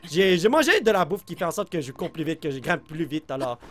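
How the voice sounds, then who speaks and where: A man with a Québécois French accent giving excitable gameplay commentary, reacting loudly and talking straight to his viewers with English exclamations mixed in. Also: a little high, brisk. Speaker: let's play host.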